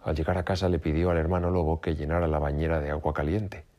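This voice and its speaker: Narrador masculino de cuento infantil, grave y sosegado. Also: male voice, very deep voice, fast. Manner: calm, even narration. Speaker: storyteller. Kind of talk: children's story reading.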